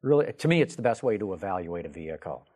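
Male talk show host, low-ish voice, eager and chatty, studio setting. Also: fast. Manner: enthusiastic, repeats words when excited. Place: studio showroom.

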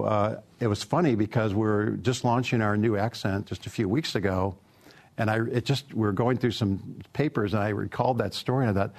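Middle-aged car exec guy, low gravelly voice, chatty story mode, lots of uhs. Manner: relaxed storytelling with fillers. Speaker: car company product executive. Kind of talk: interview answers.

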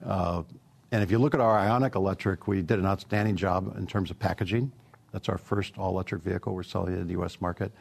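A middle-aged car company product executive answers interview questions with a deep, creaky voice at a quick pace. His manner is relaxed and storytelling, with plenty of fillers.

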